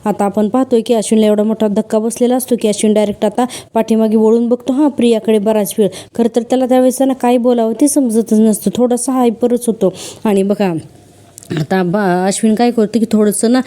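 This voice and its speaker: A woman telling the story of a television serial episode in a lively way, with many fillers. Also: on the high side, brisk.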